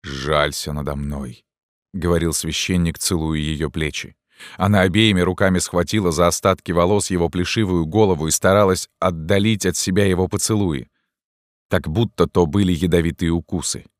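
A man narrating an audiobook in a measured, even storytelling manner. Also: sits low, dry recording, clean studio sound.

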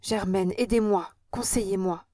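A woman's voice: medium pitch, fairly even intonation, a little slow, mellow, dry recording, studio quality, close to an everyday voice. A woman reading an audiobook and voicing an anxious young male painter in a pleading, alarmed manner.

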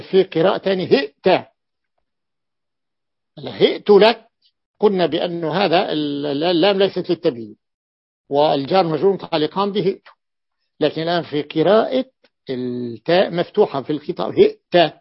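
A man's voice: a little high, animated, a little fast, creaky, long pauses, dry recording. A man teaching a grammar lesson as a sheikh, explaining step by step and repeating key phrases. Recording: dull, dry lo-fi recording.

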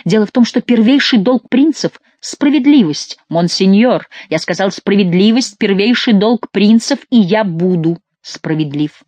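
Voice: mid-range voice, expressive, normal speed, hardly any pauses, darkish tone, dry recording, voice pushed up, close to an everyday voice. An audiobook reader voicing a troubled, indecisive royal duke in a dramatic reading. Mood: solemn.

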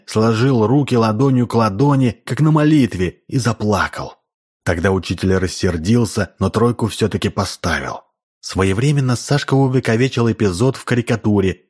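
A man narrating classic prose as an audiobook in a measured, expressive way. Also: on the low side.

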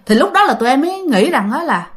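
A woman's voice: sits high, sing-song, quick pace. A woman telling a ghost story casually and animatedly, repeating words for effect and talking straight to her listeners.

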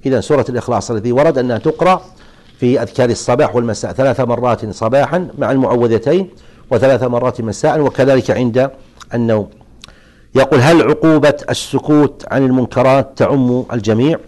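A middle-aged man in a scholar's lecture, answering questions one by one. He speaks at a mid pitch in a calm, measured way, pausing and restarting as he explains. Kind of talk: lecture Q&A on jurisprudence.

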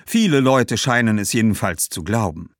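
A man voicing Cassia, an excited Roman woman eagerly spreading news and gossip in a high voice. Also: moderate pace, no echo, clean studio sound.

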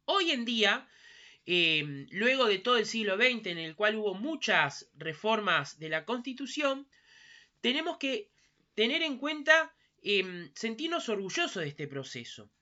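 A woman with a Uruguayan accent delivering a patriotic ceremonial speech, sometimes pausing mid-phrase to find her words. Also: mid-range voice, very animated, pushed and bright, lo-fi sound. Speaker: speaker at a commemorative civic ceremony.

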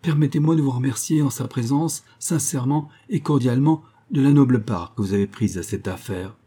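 A man reading aloud and voicing a reserved young clergyman who speaks coldly and formally, in a husky voice. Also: medium pitch, fairly quick, mellow, pitched above the performer's own voice, natural voice. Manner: cold, formal.

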